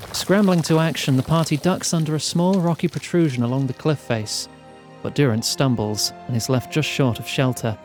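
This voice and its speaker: A man streams a fantasy role-playing game, reading its text aloud in a measured storyteller's manner and chatting between passages. His voice is mid-range and a little mellow.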